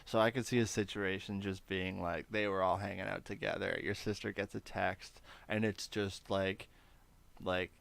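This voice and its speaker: A man's voice: sits low, level tone, normal speed, gravelly, a bit bright. A man hosting a podcast in casual chat, joking crudely and swearing a lot. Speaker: podcast host.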